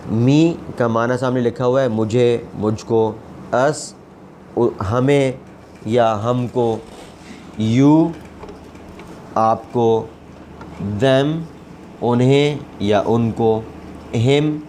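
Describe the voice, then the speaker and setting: Slow, repetitive man teaching English. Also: medium pitch, warm tone, slight background noise. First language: Urdu. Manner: repeats each word slowly several times, then gives the meaning. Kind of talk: slow vocabulary and grammar lesson.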